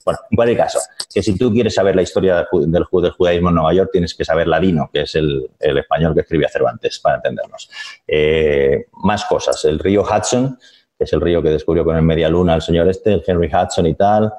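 Man, very deep voice, animated storytelling, slangy, restarts a lot. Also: fairly quick. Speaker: journalist guest. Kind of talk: casual radio chat.

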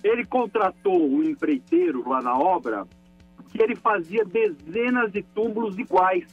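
A man's voice: sits high, sing-song, unhurried, vocal fry, faint music behind. A man calling in over the phone, telling an indignant complaint with emphasis. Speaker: caller. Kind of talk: call-in complaint. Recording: muffled phone line.

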